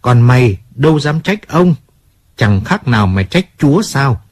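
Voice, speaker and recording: Man reading a hot-headed drinking singer, emotional, husky voice, lively pitch, audiobook. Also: normal speed, no room sound. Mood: pleading. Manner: emotional, swearing, apologetic. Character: hot-tempered male singer, drinking, self-pitying.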